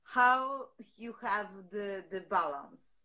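A woman's voice: mid-range voice, lively intonation, slow, pushed and bright. A woman hosting a live interview, asking questions hesitantly while she searches for words. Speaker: interviewer, artistic director.

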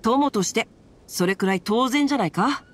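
A woman's voice: fairly high pitch, expressive, normal speed, a little hiss or hum, lightly acted. Woman playing a glib young nobleman. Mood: breezy. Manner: glib, breezy, proverb-quoting. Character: witty young nobleman swordsman, smooth talker. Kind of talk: video game dialogue.

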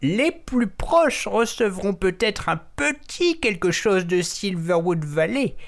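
A prim, penny-pinching woman who manages a theme park, put on by a man makes a bossy comic announcement. Her voice swoops up and down in a lively sing-song. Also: high voice, takes it slowly, exaggerated voice. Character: fussy stingy woman park manager Monique.

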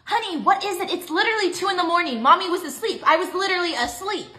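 A woman doing a fussy middle-aged mom with a very high, bright voice whose pitch swings a lot. She flips between stern and doting, and sounds like she is in an echoey room. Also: animated, fast talker, full character voice. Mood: sleepy annoyed.

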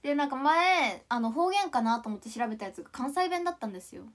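A woman from Ishikawa, Japan, in her twenties, speaks at a quick pace in a high voice with lively intonation. She's casually chatting on a livestream, giggling and reading out comments, her mostly standard Japanese accent slipping into Kansai touches.

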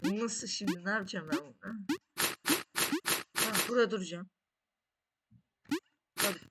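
A woman talks her way through a maddening platform game, muttering and repeating short phrases to herself. Her pitch sits in the middle range. Loud background noise and clicking run under her voice. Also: normal speed. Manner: frustrated self-talk, repeats short phrases. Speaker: gamer playing a frustrating platform game. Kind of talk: casual game commentary.

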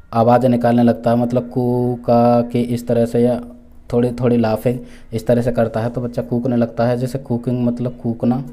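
Dark flat-voiced man teaching. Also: medium pitch. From India. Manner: repeats each point with Hindi and English terms; many fillers and restarts, measured explaining. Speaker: teacher for exam preparation. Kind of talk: recorded exam-prep lecture.

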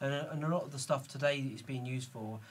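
A man's voice: medium pitch, fast talker, far from the mic, slight background noise. A man hosting a podcast, chatting casually with lots of fillers and restarts. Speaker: podcast host. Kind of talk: casual business chat.

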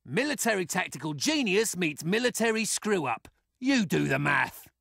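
A scrappy little raccoon soldier from a fighting game, cocky and sarcastic. The voice is high and gravelly, swooping wildly as it throws out brash taunts. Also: male voice, sing-song, normal speed, fairly bright tone, dry recording, studio quality, exaggerated voice. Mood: sarcastic, smug. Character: cocky, foul-mouthed, scrappy male raccoon space soldier.

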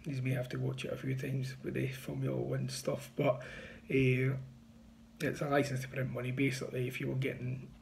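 Gravelly man giving betting tips. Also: mid-range voice, completely flat delivery, moderate pace, a little mellow, slight background noise. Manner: confident, chatty, pushing bets. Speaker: betting tipster. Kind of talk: casual to-camera tips. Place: small indoor room. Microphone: phone front camera at arm's length.

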